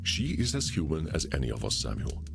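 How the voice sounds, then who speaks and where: An actor playing a calm, wise vampire mentor in a video game, speaking in a formal, reassuring, measured way over music. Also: male voice, very deep voice, vocal fry, full character voice. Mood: calm, encouraging.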